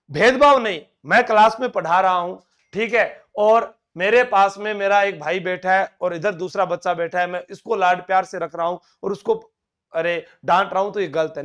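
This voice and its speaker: A man with a Rajasthani Bagri accent runs a live online exam-prep class. His voice sits high, and he talks in a chatty, coaxing way, slipping into local dialect words. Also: fairly bright tone. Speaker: exam coaching teacher.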